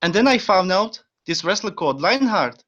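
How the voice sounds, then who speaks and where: A high-pitched, sing-song male voice at normal speed, fairly bright in tone, belongs to a young man from the Czech Republic. With a Czech accent and English as his second language, he chats casually as an eager podcast guest, dropping fillers and short laughs throughout. The sound is dull lo-fi.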